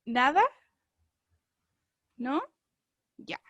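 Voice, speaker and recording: A woman teaching an online English class, encouraging and drilling words slowly with frequent checks. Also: high voice, expressive, dry recording, dull audio. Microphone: video call.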